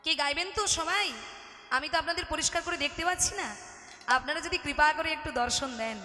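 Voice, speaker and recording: A woman's voice: high voice, fast talker, bright, forceful tone. A woman kirtan singer and preacher delivering a devotional sermon, exhorting the audience directly and leading them in chant. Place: live devotional gathering. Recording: echoey hall with long reverb and music.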